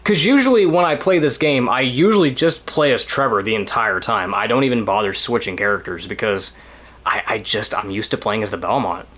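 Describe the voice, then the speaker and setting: His voice on the low side and a bit bright, a man streams a video game at a slightly fast pace, giving rambling, casual commentary with frequent laughs and the odd curse.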